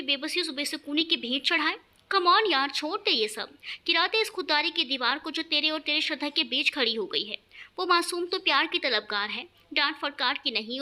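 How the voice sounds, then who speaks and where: A woman's voice: high voice, pushed and bright. A woman doing a blunt, loyal best friend. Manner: blunt, scolding, then reassuring. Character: frank loyal young man, best friend.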